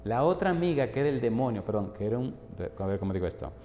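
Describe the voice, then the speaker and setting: A man's voice: mid-range voice, big pitch swings, quick pace, warm tone. A male pastor preaching a sermon, telling a story and rising to fervent appeals. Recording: echoey hall with faint noise.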